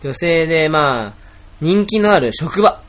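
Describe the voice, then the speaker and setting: A man's voice: on the high side, expressive, unhurried, a bit bright. A young man co-hosting a casual late-night radio chat from a small apartment, bantering playfully. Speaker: podcast co-host. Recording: music playing under the voices.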